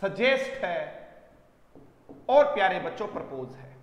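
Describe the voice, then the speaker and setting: Guy teaching grammar, really high voice, keeps asking the kids questions, echoey hall. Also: big pitch swings, unhurried. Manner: addresses students as dear children, drills with questions. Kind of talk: classroom lesson. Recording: echoey room with long reverb.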